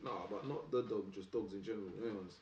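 A young man with a London roadman accent hosting a casual chat in street slang, animated and repeating his phrases. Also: lowish voice, quick pace, dull audio. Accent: London roadman, urban street slang. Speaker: podcast host. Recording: roomy, distant, with faint noise.

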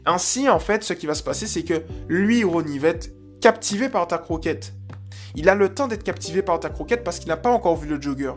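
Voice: medium pitch, expressive, fairly quick, faint music behind. Chatty dog trainer giving advice. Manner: chatty, loose, full of fillers and restarts. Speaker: dog trainer coaching a client. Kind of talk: casual spoken coaching advice.

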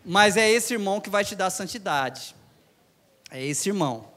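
A man's voice: high-pitched, expressive, moderate pace, fairly bright tone. A man with a Brazilian Portuguese accent preaching a sermon in a church. He talks animatedly, repeats his phrases and calls out to the congregation. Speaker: lay preacher.

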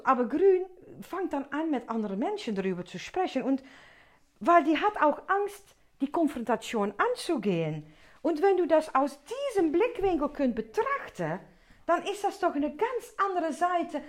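A woman talks through a casual solo podcast in a high voice that swings up and down with lively pitch. She keeps her volume down and her pace gentle, explaining things with everyday workplace examples. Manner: speaks softer and slower on purpose. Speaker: podcast host and workplace trainer.

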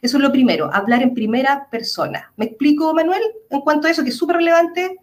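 A woman's voice: high-pitched, fast. A woman with a Chilean accent, a psychologist explaining things earnestly in an interview, using everyday examples. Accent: Chilean Spanish.

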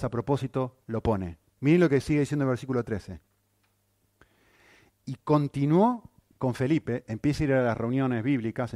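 A male pastor preaching a sermon, animated, with rhetorical questions and frequent checks on his listeners. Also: mid-range voice, no echo, clean studio sound.

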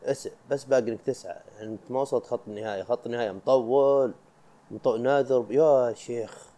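A man's voice: medium pitch, steady tone, quick pace, dark tone. A young man from Arabia, hosting a casual solo podcast in a chatty, rambling way, often breaking off mid-thought and laughing. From Saudi Arabia. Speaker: podcast host.

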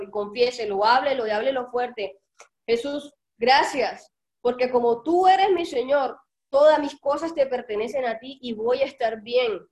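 A woman preaching with a somewhat high voice. She leads her listeners through prayer in a fervent, commanding tone, stacking up repeated declarations. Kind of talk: sermon with guided prayer.

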